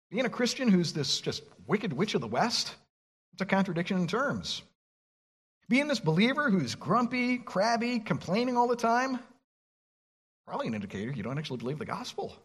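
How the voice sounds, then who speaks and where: Male pastor, sermon delivery; husky, slightly high voice with a very lively pitch that swings up on questions. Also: moderate pace. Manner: animated preaching, reads scripture aloud, rhetorical questions.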